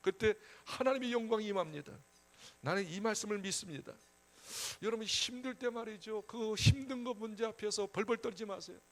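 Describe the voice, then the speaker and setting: A male pastor preaching at a Friday prayer meeting, emphatic and conversational, swinging between loud urging and soft asides. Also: high voice, fairly quick.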